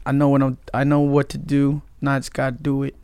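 A man's voice: mid-range voice, completely flat delivery, fast, darkish tone, clear, resonant tone, dry recording. A man in his thirties co-hosting a casual podcast, blunt and slangy with plenty of swearing. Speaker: podcast co-host.

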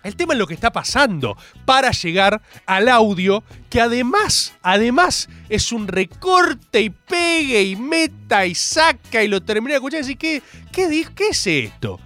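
A man's voice: extremely high pitch, moderate pace, hardly any pauses, faint music behind. A young man with a Rioplatense accent hosting a show, ranting sarcastically in a monologue. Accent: Rioplatense Spanish. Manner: sarcastic, animated, mocking voices. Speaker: host.

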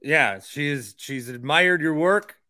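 An American man hosting a podcast interview, chatting casually about sports and politics in a rambling way with animated asides. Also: a little high, slow pace. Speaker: podcast host interviewing a guest.

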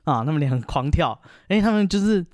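A man's voice: fairly high pitch, animated, fairly quick, darkish tone, no room sound, studio quality. A young man, co-hosting a podcast with joking banter. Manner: joking banter, barks mock commands. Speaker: podcast co-host. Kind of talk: casual chat.

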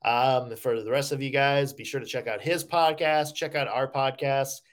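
A man with a middle-pitched voice hosts a podcast in an easygoing, wry way. His delivery is relaxed and conversational. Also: moderate pace. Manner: easygoing, wry, hosting sign-off. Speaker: podcast host. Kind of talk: casual podcast chat.

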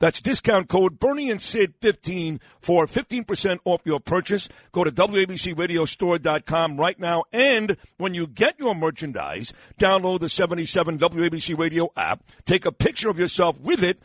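A male talk radio host with a fairly high, swinging pitch. He banters bluntly and teasingly with callers and reads ads casually. The studio sound is close and dry. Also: lively intonation, normal speed, hardly any pauses, dry recording. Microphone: close studio microphone.

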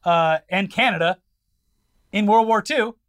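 A man with a high, fairly bright voice co-hosts a podcast at a measured pace. He chats casually about the news, sounding wry and opinionated.

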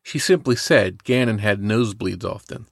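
A man co-hosting a podcast, reading a true crime story from a script in a measured way. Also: lowish voice, gravelly, breathy edge, dry recording, studio quality. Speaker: podcast co-host.

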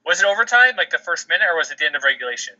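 Fast, sharp-voiced male podcast host, chatty, heard over a muffled phone line. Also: on the high side, big pitch swings. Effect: over a phone call. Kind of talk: casual sports chat.

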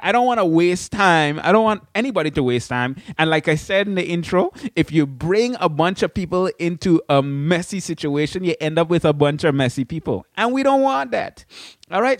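Caribbean-born guy chatting on his podcast, kinda high voice, dry close sound. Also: no room sound. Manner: chatty, with frequent restarts and asides. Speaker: podcast host. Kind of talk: casual podcast talk. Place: indoors away from his studio.

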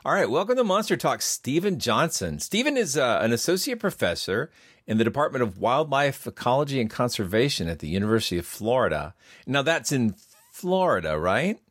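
A man's voice: mid-range voice, very animated, fairly quick, a bit bright, no room sound, clean studio sound. A man hosting a podcast in a casual, conversational style. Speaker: podcast host.

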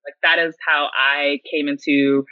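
A woman's voice: low voice, little pitch movement, unhurried, smooth, dry recording, narrow, tinny audio. A young woman speaking earnestly as a guest in a podcast interview. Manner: earnest, grows emotional.

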